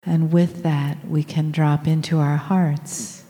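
A woman leading a guided meditation in a soft, soothing, unhurried manner with long pauses, recorded in a reverberant room. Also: deep voice, level tone. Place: large room with people present. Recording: reverberant hall.

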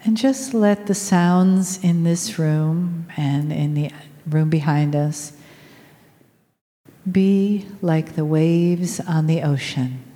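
Reverberant hall, woman, mellow soft voice, guided meditation, extremely slow, long soothing pauses. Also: deep voice. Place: large room with people present.

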